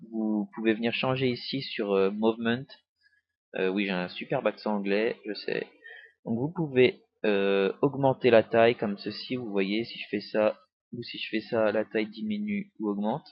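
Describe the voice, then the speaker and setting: A young man giving a casual software tutorial, rambling with many hesitations and small jokes, recorded on a cheap desktop mic. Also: lowish voice, normal speed, no echo. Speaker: tutorial maker. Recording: dry, dull lo-fi home recording.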